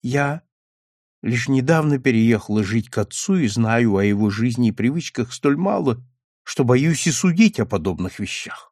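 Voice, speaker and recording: A man voicing a shy, upset young woman who speaks softly and hesitantly. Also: mid-range voice, animated, normal speed, no room sound, studio quality. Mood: earnest. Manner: soft, hesitant.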